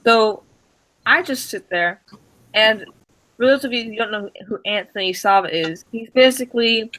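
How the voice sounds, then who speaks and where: A man co-hosting a stream, telling a casual story with many restarts and fillers, and acting out the dialogue with excitement. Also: high voice, rough recording. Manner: acts out quoted dialogue excitedly. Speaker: stream co-host.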